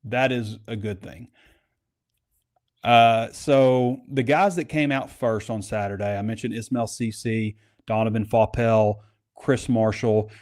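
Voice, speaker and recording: A man's voice: on the low side, steady tone, measured pace, a little mellow. A man hosting a casual sports podcast, talking in a rambling, conversational way. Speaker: podcast host.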